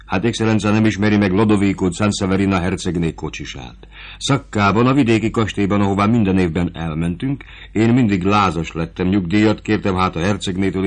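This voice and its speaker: Brief: narrator playing a boastful, shabby coachman, a low everyday voice. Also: natural voice. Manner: chatty, proud, devoted. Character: boastful shabby former coachman around thirty.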